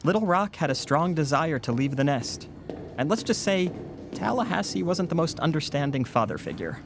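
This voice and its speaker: A man's voice: on the high side, very animated, normal speed, noisy background. An actor playing a neurotic, bookish American survivor in his thirties, wordy and precise, in a comedy film. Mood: wry, nostalgic. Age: 30s. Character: neurotic, bookish, earnest young male survivor. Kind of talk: film comedy narration and dialogue.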